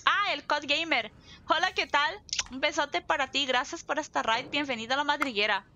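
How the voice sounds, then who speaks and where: A woman's voice: high voice, normal speed, pushed and bright, lo-fi sound, slight background noise. A woman from southern Brazil with a southern Brazilian accent, chatting casually and at length while streaming a game. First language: Portuguese. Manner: chatty, talks a lot, laughs easily. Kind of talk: casual live gameplay chat.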